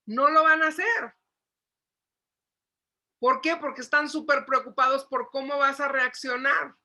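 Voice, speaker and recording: A woman psychologist giving a lively lecture to parents, asking the audience questions and acting out shouting. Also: high-pitched, a little slow. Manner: animated, asks the audience questions, acts out shouting.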